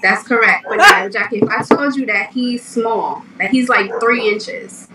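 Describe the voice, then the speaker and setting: A laid-back woman co-host with a slightly high voice, heard from away from the mic in an echoey room with audible background noise. She chats in a matter-of-fact way and chuckles often. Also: unhurried, recorded from a distance. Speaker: podcast co-host. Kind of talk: casual chat.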